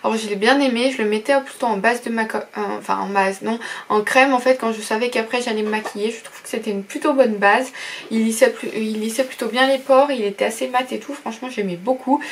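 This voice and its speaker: Woman, beauty vlogger, casual review chat, rambling with fillers, informal, slightly high voice, faint background noise. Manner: rambling, full of "euh" and "voilà" fillers; frank and informal, with slang.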